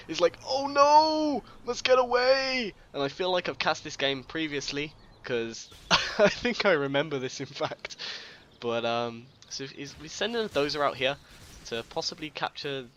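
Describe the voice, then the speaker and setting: A man's voice: mid-range voice, expressive, normal speed, fairly bright tone. A man casting a strategy game in a casual, chatty way, joking at his own expense and often tripping over his words. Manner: chatty, self-deprecating, stumbles over words. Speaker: game caster. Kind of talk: casual real-time strategy game commentary.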